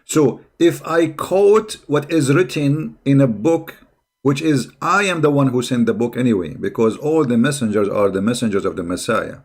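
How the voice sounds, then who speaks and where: In an expressive, darkish mid-range voice at normal speed, a man whose first language isn't English hosts a religious debate channel. His reaction commentary is mocking and polemical, his manner sarcastic and combative, with rhetorical questions asked over and over.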